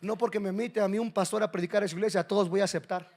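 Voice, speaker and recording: A male pastor preaches a sermon very fast in a fairly high voice. His animated delivery swings between loud calls to the congregation and soft, confiding asides.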